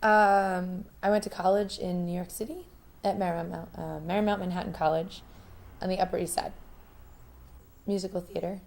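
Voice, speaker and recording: A woman's voice: lowish voice, gravelly. A young woman from Rhode Island, a singer-songwriter, chatting casually and laughing through stories in a living room. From Rhode Island, United States. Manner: chatty, laughing, relaxed storytelling. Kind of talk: casual interview.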